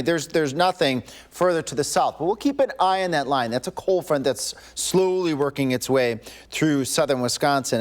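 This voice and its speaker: Relaxed male TV weatherman. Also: a little high. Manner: relaxed, ad-libbed, some restarts. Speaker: chief meteorologist. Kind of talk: live weather forecast. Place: TV news studio.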